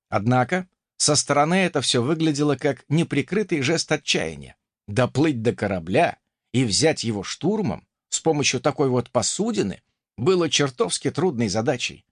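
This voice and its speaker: Sex: male. Role: audiobook narrator. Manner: expressive, lively pitch. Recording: dry and close. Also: no echo. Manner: expressive storytelling. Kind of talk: first-person audiobook narration.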